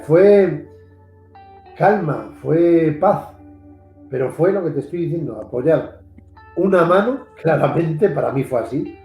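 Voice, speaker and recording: Gravelly Spanish-accented man telling a ghost story. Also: a little high, highs cut off. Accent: Spanish from Spain. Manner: earnest, repeats himself for emphasis, acts out the voices in his story. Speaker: paranormal investigator, host. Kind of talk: animated storytelling in a video interview. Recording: echoey room, faint guitar music behind.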